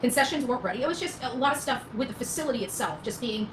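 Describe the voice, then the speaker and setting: A vlogger tells her viewers a rambling, casual story about something she went through, in a folksy, emphatic, colloquial way. Her voice is a little high, her intonation lively, and she races along. The room echoes and carries faint noise.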